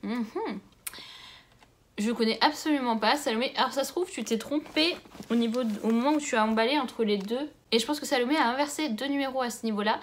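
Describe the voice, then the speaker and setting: A young woman chatting casually as she unboxes a book swap, gushing over each gift and muttering softly to herself in between. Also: on the high side. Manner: gushing, exclamatory. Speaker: book vlogger.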